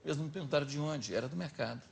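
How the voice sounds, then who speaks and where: A middle-aged man with a Minas Gerais accent, telling anecdotes as a talk show guest in an animated, chatty way. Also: on the high side, very fast, creaky. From Minas Gerais, Brazil. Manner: lively anecdotal, animated retelling. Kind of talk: casual storytelling chat.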